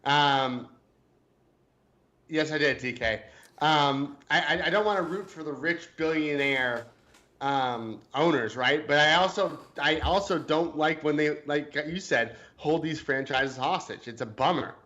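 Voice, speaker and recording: A man's voice: fairly high pitch, unhurried, pushed and bright, highs cut off. A man co-hosting a casual sports podcast, hesitant and joking, often restarting his sentences. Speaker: podcast co-host.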